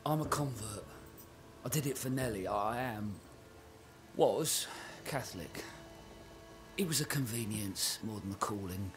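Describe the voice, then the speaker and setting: An actor playing a nervous, guilt-ridden village blacksmith in a video game, hesitant, rambling and flustered. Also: male voice, on the low side, lively intonation, a little slow, soft background music. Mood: sheepish, nervous. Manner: hesitant, rambling, flustered, voice leaps when agitated. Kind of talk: dramatic video game acting.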